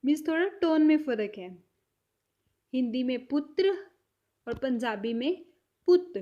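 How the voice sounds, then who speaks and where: Slow, high-voiced woman teaching vocabulary. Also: lively intonation, mellow, muffled recording. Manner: repeats each word slowly for practice. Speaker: language teacher. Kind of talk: slow, repetitive vocabulary lesson.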